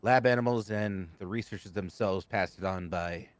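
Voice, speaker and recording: A man's voice: deep voice, moderate pace, dry recording, pitched below the performer's own voice, close to an everyday voice. A man reading a stern male commanding officer's lines in an amateur script read-through, clipped and ordering. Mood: explaining. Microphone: home streaming mic.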